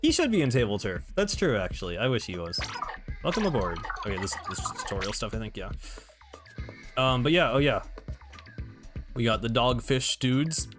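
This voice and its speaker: A man streaming a game and giving casual commentary, rambling with restarts and frequent laughs. His voice sits at a middle pitch for a man. Game music plays steadily behind him. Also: very animated, moderate pace, pauses often.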